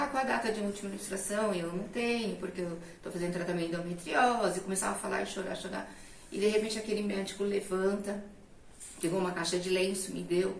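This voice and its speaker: A woman's voice: medium pitch, creaky, a little hiss or hum. A middle-aged woman telling a personal testimony in casual conversation, acting out the voices she quotes. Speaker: guest telling her testimony. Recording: roomy sound, mic at a distance.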